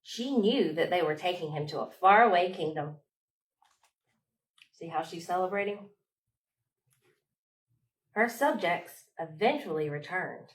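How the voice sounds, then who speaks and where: With dramatic pauses and an expressive reading, a woman hosts storytime for young children, sounding like a children's librarian. Her lowish voice is expressive, though the recording is rough.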